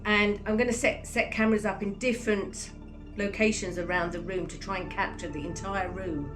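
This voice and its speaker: A woman's voice: mid-range voice, steady tone, moderate pace, fairly bright tone, soft background music. Chatty woman hosting a vlog. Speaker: vlog host and chateau owner. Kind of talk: casual vlog talk to camera.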